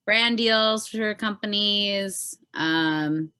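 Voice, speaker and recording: In a casual podcast interview, a solo pop artist and content creator, a woman, chats informally and retells things with animation, saying "like" a lot. Her mid-range voice is clear and resonant, extremely slow, with no room sound.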